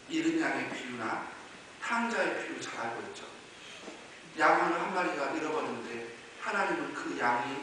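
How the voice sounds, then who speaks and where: A male pastor preaching a sermon, moving from quiet low explanation to loud high-pitched exhortation. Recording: echoey hall, voice from far off, faint hiss.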